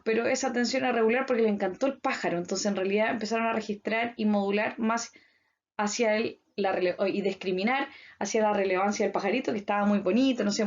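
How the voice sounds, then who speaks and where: A woman's voice: medium pitch, lo-fi sound. A middle-aged woman with a Chilean accent giving a recorded online lecture from her home, explaining terms with many examples. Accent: Chilean Spanish. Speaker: university lecturer.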